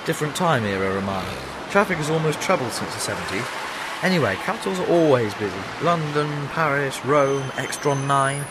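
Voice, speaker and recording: A man playing the Doctor, whimsical and lively. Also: medium pitch, brisk, heavy background noise, lightly acted. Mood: breezy. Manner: breezy, whimsical, theatrical. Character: the Doctor, eccentric male time traveller. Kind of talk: amateur audio drama acting.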